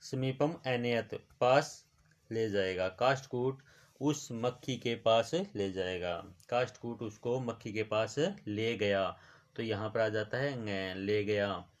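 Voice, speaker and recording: Low-voiced man teaching Sanskrit. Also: slow pace. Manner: reads Sanskrit lines, then explains each in Hindi. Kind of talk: classroom lesson explaining a Sanskrit exercise.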